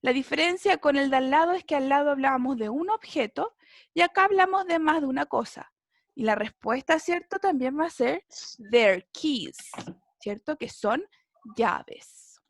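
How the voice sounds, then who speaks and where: A woman's voice: high-pitched, expressive, moderate pace, no room sound, clean studio sound. A woman, teaching a basic English class online, explaining patiently and checking in often.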